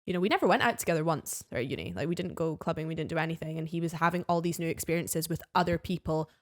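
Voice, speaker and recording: A woman's voice: sits low, very fast. A woman in her twenties chats candidly on a podcast. She tells her stories openly and acts out the lines she once said. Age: 20s. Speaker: podcast guest. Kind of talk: casual chat.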